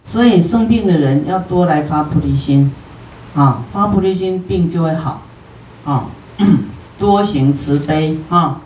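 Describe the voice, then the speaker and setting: Slow, roomy Taiwanese Mandarin Buddhist lecture. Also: medium pitch, a little mellow, a little hiss or hum. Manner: homely, chatty, peppered with drawn-out particles. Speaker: Buddhist teacher. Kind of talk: sutra lecture sermon. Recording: roomy hall, distant from the mic.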